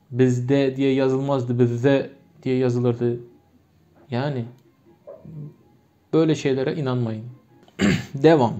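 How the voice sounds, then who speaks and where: Turkmen-accented man teaching, mellow dull sound. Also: mid-range voice. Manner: explains patiently with many examples and repetitions. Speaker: language teacher. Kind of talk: lesson. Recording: muffled lo-fi recording.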